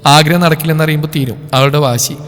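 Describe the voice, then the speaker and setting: A man's voice: fairly high pitch, steady tone, fast talker, a bit bright, big-room sound, faint music behind, lightly acted. A man reading as an earnest younger sister.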